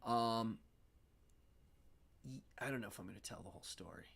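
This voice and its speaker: A man with a lowish, nasal voice and some vocal fry hosts a casual live-stream interview in New York City at a moderate pace. He's a lively storyteller, laughing frequently throughout.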